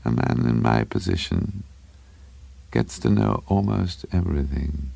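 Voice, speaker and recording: Casting: male reader as creepy little bearded madman for a dark story. Deep, gravelly, breathless, stammering, smugly secretive. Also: expressive, measured pace, dry recording, full character voice. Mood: sly, confiding. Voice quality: low, breathless, sighing, bubbling speech impediment. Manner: stammering, muttering to himself, rambling, sly tittering. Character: small bearded madman, conceited, furtive, fascinated by murder.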